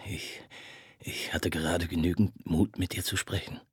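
A cracked, stammering man slurring half-whispered words down a deep low register, as an audiobook reader puts him on. His rough, husky voice falters and breaks off mid-phrase, recorded close and dry. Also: flat delivery, normal speed, no echo. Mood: bitter. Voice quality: cracked, brittle voice. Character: broken-voiced troubled middle-aged man, drunk-sounding. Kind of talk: audiobook dialogue.

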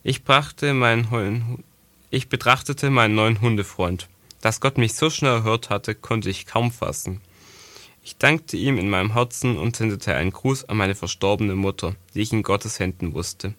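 A man calmly narrating a first-person storybook on a close mic. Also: lowish voice, normal speed, no echo. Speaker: audiobook narrator.

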